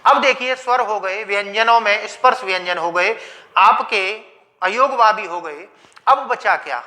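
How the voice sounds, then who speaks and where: In a video grammar lecture, a male teacher with a high-pitched, very bright and forceful voice explains slowly and patiently. He repeats each point and keeps asking his students questions, then answers them himself.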